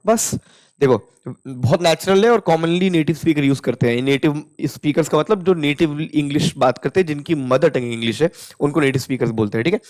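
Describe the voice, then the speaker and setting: A young man with an Indian accent, teaching spoken English in a casual lesson, mixing Hindi with English and repeating example sentences slowly. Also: fairly high pitch, a little mellow.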